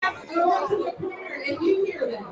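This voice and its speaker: A very high-pitched announcer calls competitors to the table, heard distantly through an echoing ballroom. A roaring crowd nearly drowns the words. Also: lively intonation, fairly quick. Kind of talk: event announcing over a PA. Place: large ballroom. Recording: echoey ballroom from far off, very loud crowd.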